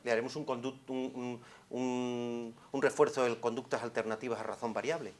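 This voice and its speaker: A man delivers a psychologist's lecture into a microphone in a conference hall, his medium-pitched voice moving at a normal pace. He is expressive and leans on rhetorical questions, sinking almost to a hush before swelling into carrying emphasis.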